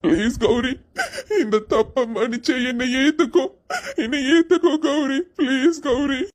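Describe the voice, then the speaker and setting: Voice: mid-range voice, normal speed, close to an everyday voice. A performer voicing a devoted young husband who tearfully begs his wife to accept him. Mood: tearful pleading. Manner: begging, tearful.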